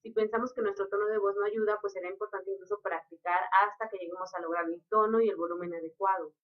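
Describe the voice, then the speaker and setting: A woman explains her points in an unhurried, teaching manner. Her voice sits in the middle range for a woman. The recording is dull and lo-fi. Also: mid-range voice, fairly even intonation. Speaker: lecturer. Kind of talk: recorded lecture.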